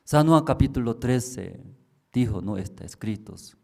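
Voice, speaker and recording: Pastor with a lively voice. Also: male voice, mid-range voice, measured pace, gravelly. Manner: storytelling with acted voices and questions to the congregation. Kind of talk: sermon.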